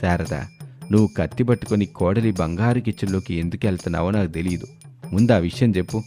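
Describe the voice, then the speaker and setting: A weary husband lectures his greedy wife slowly in a low, dark voice, as the narrator puts him on. It is storybook drama acting with faint music behind. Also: close to an everyday voice. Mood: scolding. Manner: slow, scolding and lecturing.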